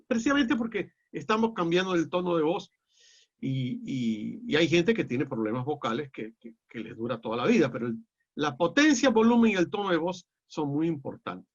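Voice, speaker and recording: A middle-aged man with a Peruvian accent lecturing a class in a measured, explanatory way, often pausing on "eh". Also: fairly high pitch, big pitch swings, breathy edge. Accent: Peruvian Spanish. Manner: measured and explanatory, with frequent "eh" fillers and restarts. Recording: dull lo-fi audio.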